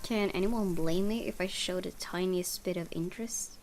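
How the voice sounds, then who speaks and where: A woman's voice: fairly low pitch, normal speed, a little mellow, faint music behind. A woman game streamer reading story text aloud and adding casual commentary. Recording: faint background noise.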